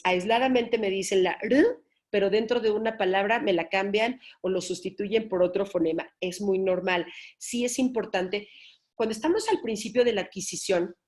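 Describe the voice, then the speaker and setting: A woman's voice: medium pitch, darkish tone. A woman speech therapist giving an informal talk to parents, often checking in with "¿sí?". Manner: explanatory, checks in with "¿sí?". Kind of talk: informal lecture.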